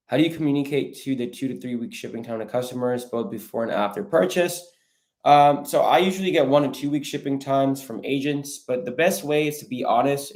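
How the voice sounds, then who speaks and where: Here a man with a medium-pitched, darkish voice runs a casual live Q&A for online sellers. He coaches loosely and chats with his audience, tossing out "bro" and "guys" as he answers their questions.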